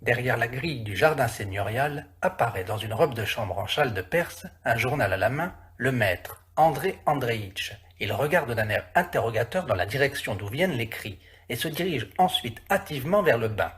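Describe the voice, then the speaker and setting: Lively man reading a classic story. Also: medium pitch, normal speed, hardly any pauses. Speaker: narrator.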